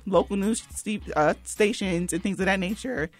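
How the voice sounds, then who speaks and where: A woman's voice: medium pitch, moderate pace, no room sound, faint music behind. Young woman guest talking loosely. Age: young adult. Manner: loose and conversational, many fillers and restarts. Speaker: PR consultant, interview guest. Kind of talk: casual interview talk.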